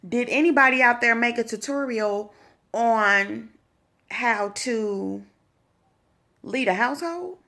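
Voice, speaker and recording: A woman's voice: a little high, slow pace, long pauses, bright, forceful tone. A young woman in a sassy, conversational opinion vlog, speaking. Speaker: vlogger.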